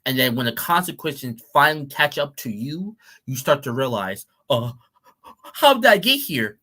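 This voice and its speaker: A man's voice: mid-range voice, pushed and bright. A man on a live-stream panel, ranting in a blunt, crude and scolding way, with mocking asides.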